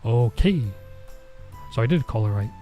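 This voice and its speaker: Game music underlies this let's play, in which a man reads visual novel text aloud with casual, bemused commentary. He has a dark-toned, mid-range voice with lively intonation at a normal speed.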